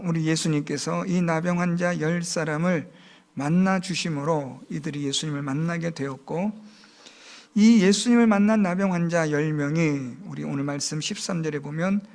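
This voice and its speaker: High-voiced, gravelly male pastor preaching. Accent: Gyeongsang Korean. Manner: earnest, emphatic preaching that repeats key words; addresses the congregation directly with rhetorical questions. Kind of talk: sermon.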